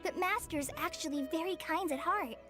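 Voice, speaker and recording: A shy, stammering young ranger. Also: female voice, very high voice, brisk. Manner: hesitant, stammering. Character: young woman forest ranger trainee, shy and kind. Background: game music.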